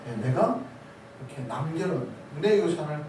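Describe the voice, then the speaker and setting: High, lively male preacher in an echoing hall. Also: fairly quick, slight background noise. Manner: preaches with rhetorical questions to the congregation. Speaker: pastor. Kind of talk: sermon. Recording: very echoey hall, voice from a distance.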